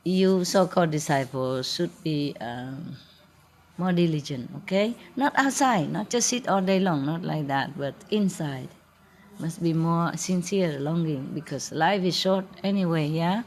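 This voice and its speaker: A woman's voice: deep voice, a little slow, slight background noise. A woman spiritual teacher chatting casually with a gathering, playful and laughing often, in broken English.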